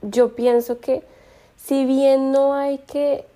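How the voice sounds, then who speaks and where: Warm-voiced woman, thoughtful. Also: high voice, level tone. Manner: thoughtful, measured advice with restarts. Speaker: podcast co-host. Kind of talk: casual chat.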